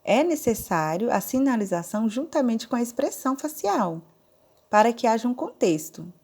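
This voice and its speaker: A woman with a Brazilian Portuguese accent teaching a recorded online lesson, explaining slowly and step by step. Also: a little high, sing-song, a little mellow. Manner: slow, deliberate, explaining step by step. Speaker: sign language teacher.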